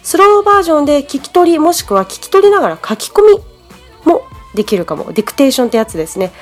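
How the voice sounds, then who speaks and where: A woman's voice: high-pitched, sing-song, quick pace, faint music behind. A woman from Japan hosting a podcast English lesson, explaining in a friendly, chatty way. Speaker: English teacher, podcast host.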